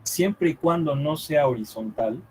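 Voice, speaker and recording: A math teacher with a somewhat high voice lectures a live class. He repeats his points, thinks aloud as he draws, and keeps checking whether the students follow. A faint hum of room noise sits behind him. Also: animated, a little mellow, rough recording. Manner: checks understanding often with quick questions, repeats himself; thinks aloud while drawing on the board.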